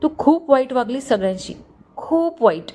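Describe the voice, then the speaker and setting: A woman's voice: high-pitched, animated, normal speed, dark tone, voice pushed up. A woman voicing an angry young groom who coldly scolds his former bride in a storybook reading. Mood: reproachful. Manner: stern, reproachful.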